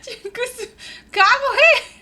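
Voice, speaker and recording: A woman in her forties streaming a game live, chattering with high energy, laughing often and shouting at her teammates. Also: takes it slowly. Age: 40s. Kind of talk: excited live gameplay commentary.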